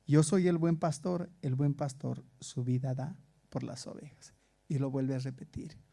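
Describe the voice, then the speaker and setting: Man preaching a conversational sermon, dark tone. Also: mid-range voice, steady tone, unhurried, gravelly. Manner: conversational preaching with rhetorical questions. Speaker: pastor. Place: church in Stockholm.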